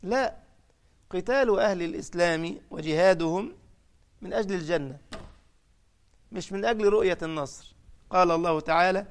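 A man preaching a sermon in an Egyptian Arabic accent, his voice sitting high for a man. He tells the story dramatically, raising his voice for the cries he quotes and landing hard on key points. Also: brisk, pauses often.

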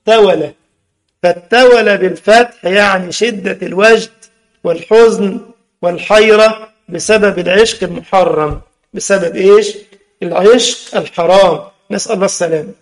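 An Islamic religious teacher with an Egyptian accent gives a lesson in a high voice at normal speed. He blends formal and colloquial speech and quizzes his listeners.

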